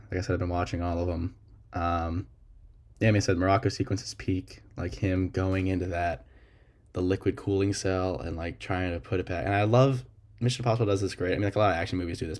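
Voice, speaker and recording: Young man, low voice, casual vlog reviewer, rambling, lots of fillers. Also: darkish tone. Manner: gushing and rambling, full of "like" and "um". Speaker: film reviewer.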